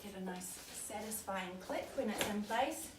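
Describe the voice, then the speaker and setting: A young woman with a Kiwi accent casually demonstrates a stroller in a baby store, um-ing frequently. Her mid-range voice is expressive at a normal speed. Loud background noise and a distant camera mic give the audio a roomy feel.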